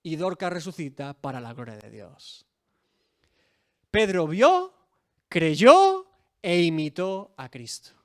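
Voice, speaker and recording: A man's voice: high voice, very animated, slow pace, long pauses. A male pastor preaching a sermon, asking rhetorical questions and acting out the scripture scenes he tells. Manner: rhetorical questions, dramatic quoting of scripture figures.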